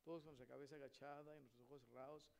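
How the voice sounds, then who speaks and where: A male pastor preaching a sermon, asking his congregation questions and moving between loud emphatic lines and quiet hushed ones. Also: mid-range voice, fairly even intonation, very fast, gravelly. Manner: addresses the congregation with frequent rhetorical questions.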